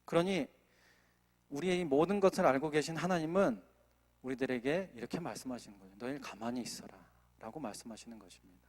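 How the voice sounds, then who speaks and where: Korean man preaching, fairly high voice. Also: lively intonation, fast talker, big-room sound. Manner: earnest, rhetorical questions to the congregation. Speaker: associate pastor. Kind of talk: sermon. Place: church sanctuary.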